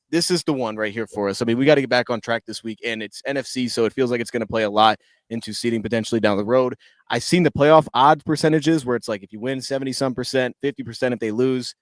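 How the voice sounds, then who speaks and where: Man, host, casual football chat, mid pitch, dry close sound. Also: fast, dry recording. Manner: casual, chatty, rambling. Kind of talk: sports talk roundtable.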